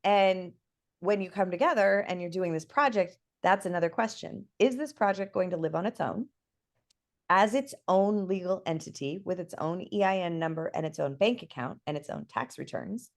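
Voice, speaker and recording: A woman's voice: on the low side, normal speed. A woman talking casually as a guest expert, explaining things in a chatty way and often checking in with "right?". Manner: lively, chatty, lots of "right?" and fillers. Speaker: guest expert on NFT projects.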